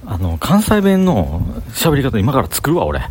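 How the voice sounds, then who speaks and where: In a medium-pitched, slightly mellow voice whose pitch swoops wildly, a Banshu (Himeji) Kansai-accented man walks city streets and rambles to camera at a measured pace, musing aloud in chatty self-talk. There's a little hiss or hum.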